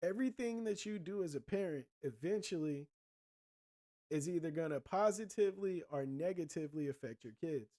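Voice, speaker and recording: A man hosting a casual livestream, handing out blunt, profanity-laced advice in a preachy tone. His voice sits a little high for a man, but the timbre is dark and mellow. He talks straight to his viewers like a friend lecturing them. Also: lively intonation, normal speed. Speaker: livestream host.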